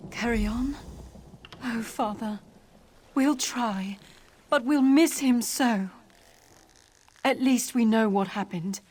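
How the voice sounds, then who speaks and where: A woman playing a tender, grieving daughter in a video game, speaking in a plaintive, halting, emotional way. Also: a little high, a little mellow, slight background noise. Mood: mournful. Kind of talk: video game character acting.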